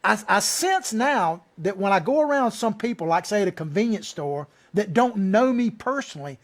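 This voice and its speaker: A man's voice: high-pitched, expressive, moderate pace. A man from small-town Florida with an old Florida cracker Southern accent, hosting a talk show in a folksy, rambling, conversational way. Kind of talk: conversational interviewing.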